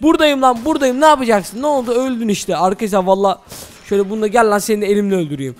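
An excitable man narrating his own Minecraft role-play in a very high, fast voice and talking straight to his viewers. Faint game music plays behind him. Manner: excitable, addresses viewers as "friends". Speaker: gaming channel host.

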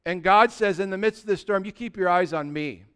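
High, smooth-voiced impassioned male preacher. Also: brisk. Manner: impassioned preaching, swinging from loud exhortation to hushed tenderness. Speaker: pastor. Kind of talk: sermon.

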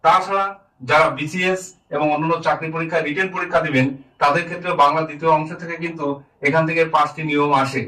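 A man's voice: a little high, steady tone, fast talker, pushed and bright, echoey room, recorded from a distance, rough recording. A man teaching a lesson, explaining rules one by one and repeating key words, often asking a question and answering it himself.

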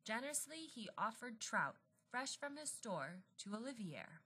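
Woman reading a children's picture book aloud, bright, expressive storyteller. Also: on the high side, moderate pace, husky. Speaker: storybook reader.

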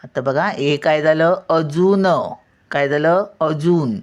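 A woman's voice: low-pitched, darkish tone, muffled recording. An older woman teaching at home, spelling out letters one by one and checking often that the learner follows. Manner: patient, spells out letters and sounds words slowly. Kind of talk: home writing lesson.

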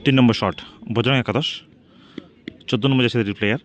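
A man calls a football match at a quick clip. He works as a play-by-play commentator, often repeating names and phrases. His pitch sits in an ordinary middle range for a man. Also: slight background noise. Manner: repeats team names and phrases while following each shot. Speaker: football commentator and channel host.

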